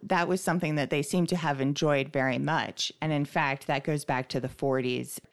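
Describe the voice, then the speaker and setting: A woman co-hosting a podcast, telling a family story in a wry, unhurried way. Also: sits low, fairly even intonation. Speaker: podcast co-host. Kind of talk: casual storytelling chat.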